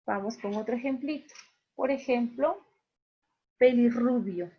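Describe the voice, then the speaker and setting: A woman teacher giving an online class, speaking slowly, repeating key phrases and checking in with her students. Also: fairly high pitch, animated. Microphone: video call. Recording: dull lo-fi video call audio.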